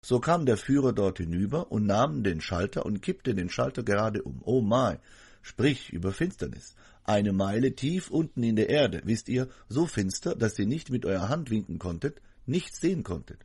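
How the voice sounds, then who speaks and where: Man for a sermon voice-over, earnest and emphatic, slightly husky, lively intonation. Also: fairly low pitch, moderate pace. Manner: earnest, emphatic preaching address to a congregation. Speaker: preacher.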